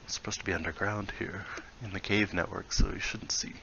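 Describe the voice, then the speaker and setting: A man with a low, steady, creaky voice talks briskly in a pushed, bright tone, casually walking through how he builds in a VR game while thinking aloud and muttering little asides. He makes VR building tutorials, and the audio is dull with slight background noise.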